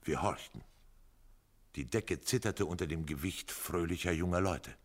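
A man giving an expressive, measured literary reading of a story for radio. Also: low-pitched. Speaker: reader. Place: radio studio.

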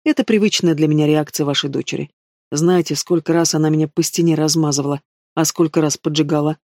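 A man's voice: on the high side, steady tone, quick pace, a little mellow, dry recording, clean studio sound, lightly acted. A man voicing a cocky, teasing male dragon ruler in an audiobook, self-assured in tone. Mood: smug.

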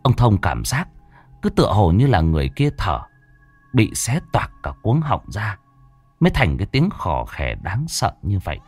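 A man's voice: lowish voice, wildly swooping pitch, normal speed, a little mellow, husky, dry recording, faint music behind. A man narrating a horror audiobook in a dramatic storytelling manner.

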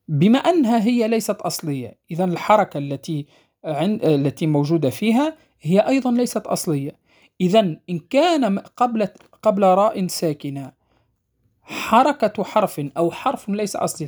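A woman teaching the rules of Quran recitation. She explains patiently, repeats key points, checks that students follow, and recites verses slowly and melodically. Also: fairly low pitch, warm tone, slightly rough. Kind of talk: tajweed lesson explaining rules.

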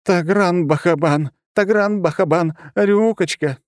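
Scared, gabbling village mother performed by a male narrator, voice pitched up high. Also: a little slow, no echo, studio quality. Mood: frantic. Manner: gabbling, pleading. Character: frantic pale older village mother.

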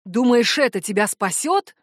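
A woman's voice: on the high side, expressive, moderate pace, no echo, clean studio sound. A woman voicing a hot-tempered young male shapeshifter in an audiobook, speaking in hissed, clipped threats. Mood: menacing. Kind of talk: audiobook narration.

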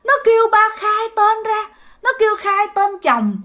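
A tormented old grandfather's ghost, put on by a woman storyteller, speaking through a medium in a raspy, hoarse voice pushed up high. He wails and pleads in repeated cries, his pitch swinging wildly. It is a ghost-story telling with strained, keening lines. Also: very animated, a little slow, fairly bright tone, exaggerated voice. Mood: pleading. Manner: pleading, wailing, repetitive.

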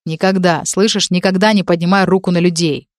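A woman's voice: on the low side, steady tone, brisk, dry recording, studio quality, lightly acted. A woman reading the lines of a stern young man who speaks in hard, clipped commands in a storybook.

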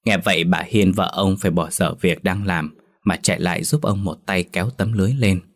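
A man narrating a horror story in steady, dramatic storytelling. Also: deep voice, a little fast.

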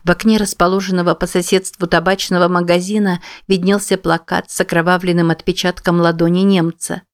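A woman narrating a first-person story in a measured, somber reading. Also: fairly low pitch, little pitch movement, clean tone. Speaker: audiobook narrator.

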